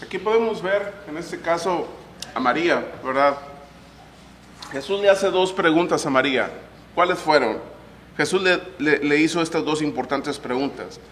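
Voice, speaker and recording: A man's voice: fairly high pitch, moderate pace, fairly bright tone. A man leading a Bible study and asking the group questions as he teaches. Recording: echoey hall, faint room noise.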